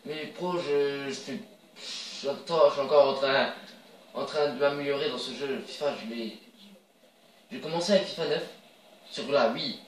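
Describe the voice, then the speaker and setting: A man's voice: mid-range voice, moderate pace, pauses often, echoey room, far from the mic, slight background noise, low-quality recording. Chatty man commenting his own gameplay. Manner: chatty, excitable, cheers on his players. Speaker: video game player.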